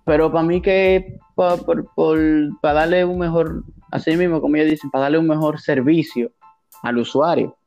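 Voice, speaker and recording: A man's voice: a little high, steady tone, moderate pace, gravelly, darkish tone, soft background music. A young man with a Dominican accent in casual chat, explaining things with slangy, acted-out examples.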